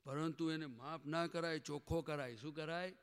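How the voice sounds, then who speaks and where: A man's voice: a little high, fairly even intonation, moderate pace, clean tone. Man preaching in a reverberant hall. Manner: questions the audience and prods them to answer. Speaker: spiritual teacher. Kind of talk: satsang sermon to a gathering.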